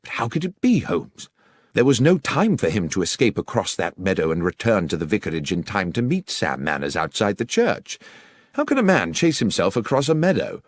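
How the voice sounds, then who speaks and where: A man voicing an earnest, puzzled gentleman doctor in a mystery audiobook, polite and questioning. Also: on the low side, sing-song, normal speed, no room sound, clean studio sound.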